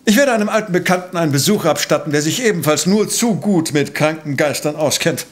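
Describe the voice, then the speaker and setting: Actor as high-voiced, pompous Professor Van Dusen. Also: male voice, expressive, brisk, close to an everyday voice. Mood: analytical, assured. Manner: precise, pompous, analytical. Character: exacting, self-assured male professor and amateur sleuth. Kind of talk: German audio drama acting.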